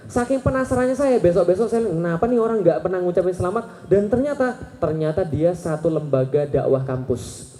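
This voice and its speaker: A man in his thirties preaching a lively Islamic sermon to a live crowd, telling stories, acting out the people he quotes and asking the audience rhetorical questions. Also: high voice. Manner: animated storytelling, acting out quoted voices. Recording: echoey hall sound.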